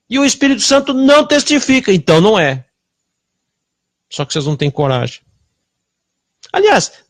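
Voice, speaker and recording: A man preaching a sermon with a Brazilian Portuguese accent, confrontational and full of rhetorical questions, swinging between loud bursts and hushed asides. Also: fairly high pitch, dry recording, studio quality.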